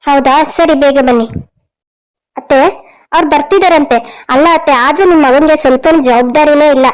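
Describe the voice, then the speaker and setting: A woman's voice: high-pitched, moderate pace, rough recording. A woman voicing the women of a cartoon family drama, emotional and scolding. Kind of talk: cartoon story voice acting.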